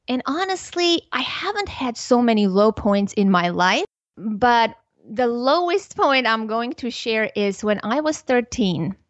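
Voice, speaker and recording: A woman, a guest on a podcast, speaking in an earnest, measured, thoughtful way. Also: fairly high pitch, no room sound. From Armenia. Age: 40s. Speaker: podcast guest, parenting educator. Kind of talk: reflective interview talk. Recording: slightly muffled dry recording.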